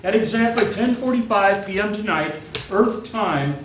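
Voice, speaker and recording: A man in a radio play acting a calm, authoritative senior angel who tells the story in measured tones. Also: sits high, a little hiss or hum. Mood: calm, instructive. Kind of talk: stage radio play narration. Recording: echoey theatre, faint music behind.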